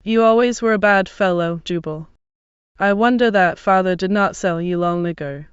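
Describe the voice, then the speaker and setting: A proud young mistress of a house bites out her words with cold scorn, as a man puts her on. The voice sits well above his own and comes out very smooth. The recording is dry and a little dull. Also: high voice, normal speed, no room sound, pitched above the performer's own voice, natural voice. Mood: scornful. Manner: scornful, cutting.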